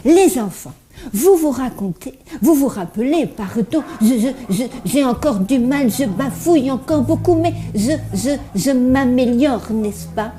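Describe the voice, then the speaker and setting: A woman's voice: high voice, animated, unhurried, dark tone. Woman doing a stuttering little child puppet. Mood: storytelling. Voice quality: heavy stutter, repeats words many times. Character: stuttering small child puppet, cheerful and eager. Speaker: children's Bible storyteller.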